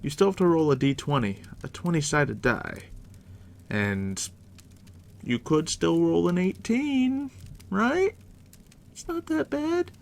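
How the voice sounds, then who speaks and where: This is a deep-whispered ASMR roleplay where a man acts as a game master walking a newcomer through play, talking gently and directly into the listener's ear. His pitch swings widely, his voice turns creaky, and he stays calm and reassuring throughout.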